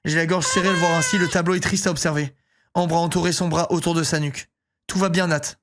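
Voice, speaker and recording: Woman streamer, reads a visual novel aloud, does mock for the cast, reacts loudly between lines. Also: lowish voice, fairly even intonation, fast talker. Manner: voices characters with mock accents, breaks into swearing and laughter.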